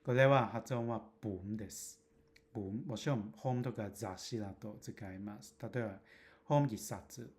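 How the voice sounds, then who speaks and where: A man teaching in a video lesson, drawing out example phrases slowly and repeating them. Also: medium pitch, a little mellow. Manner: slow, drawn-out drills of example phrases. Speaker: Cantonese language teacher.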